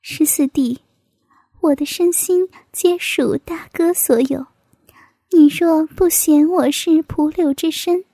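A woman voicing a tender young married woman in a whispered role-play, hushed and intimate. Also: extremely high pitch, no room sound.

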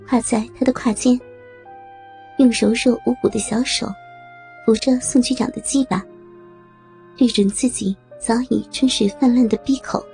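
A woman narrating an audio story with slow, steady reading. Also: a little high.

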